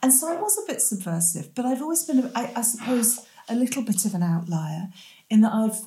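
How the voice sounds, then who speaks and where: A woman's voice: on the high side, big pitch swings, a little fast, dark tone, roomy sound. A woman who says w for r, speaking as an interview guest in a thoughtful, self-deprecating and reflective way. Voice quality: says w for r, cannot pronounce R clearly. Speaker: interview guest, medical ethicist.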